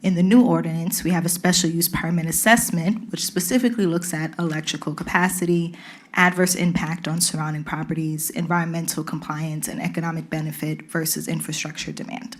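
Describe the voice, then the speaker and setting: A woman's voice: low-pitched, little pitch movement, brisk. A woman with a Caribbean accent, a city staff presenter giving a formal policy briefing to a council, methodically walking through each change point by point.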